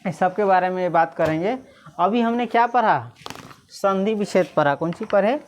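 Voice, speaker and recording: A woman teacher, reading Sanskrit slowly syllable by syllable and quizzing the class again and again. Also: mid-range voice, slight background noise. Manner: repeatedly quizzes listeners, slow syllable-by-syllable reading.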